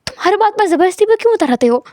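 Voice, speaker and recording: A woman's voice: very high voice, lively intonation, fast, darkish tone, dry recording, studio quality, pitched above the performer's own voice. A woman voicing a shy, easily embarrassed young man in a storytelling fan fiction, stammering and protesting. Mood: flustered.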